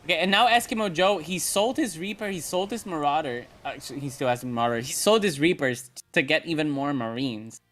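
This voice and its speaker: A man casting a live esports match, giving brisk play-by-play and chuckling between calls. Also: a little high, a bit bright. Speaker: esports caster. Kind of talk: live game commentary.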